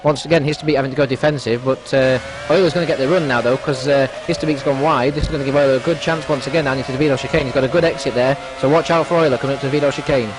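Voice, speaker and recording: A man's voice: mid-range voice, fairly even intonation, rapid-fire, few pauses. A man giving live motorsport commentary, analysing the race in a conversational way.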